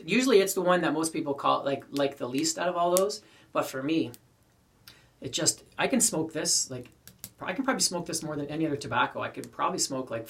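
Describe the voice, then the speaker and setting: A man with a fairly high, slightly bright voice and a Canadian accent smokes a pipe and rambles to his viewers. He's in a small wooden garden shed, recorded by a distant mic with poor acoustics.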